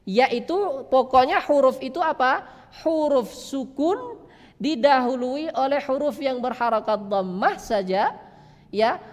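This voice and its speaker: Slow, high-voiced male teacher, hall echo. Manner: asks questions and answers them himself; drawn-out sound demonstrations. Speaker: Quran recitation teacher. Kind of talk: religious lesson on pronunciation. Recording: long hall reverb.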